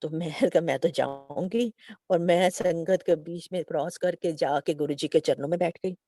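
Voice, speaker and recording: A middle-aged woman shares a devotional testimony at a moderate pace in a voice on the low side. She tells it in a lively storytelling way, acting out the quoted dialogue.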